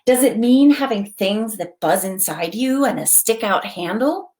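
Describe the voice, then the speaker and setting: A woman's voice: medium pitch, lively intonation, a little slow, a little mellow. A woman voicing a small, shy young male toy rabbit in a storybook, asking earnest, wondering questions. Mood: curious, wondering. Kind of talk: storybook character reading.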